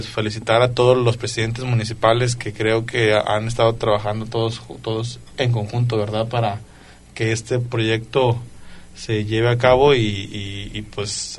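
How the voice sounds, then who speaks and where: A man's voice: lowish voice, slight background noise. A man co-hosting a sports radio show, chatty and encouraging toward the guest. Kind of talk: radio interview.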